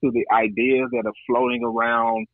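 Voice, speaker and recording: A man's voice: medium pitch, little pitch movement, normal speed, no echo. Man praying over a thin phone line. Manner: preacherly, insistent, repeating phrases for emphasis. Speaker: podcast guest, entrepreneur praying on air.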